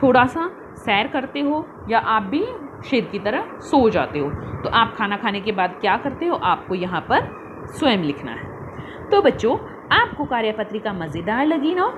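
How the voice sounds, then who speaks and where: A woman's voice: a little high, sing-song, lo-fi sound, noisy background. A woman teaching young children in an online lesson, calling them fondly and stretching out words as she drills pronunciation. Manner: slow, drawn-out pronunciation drills; addresses children fondly as "beta".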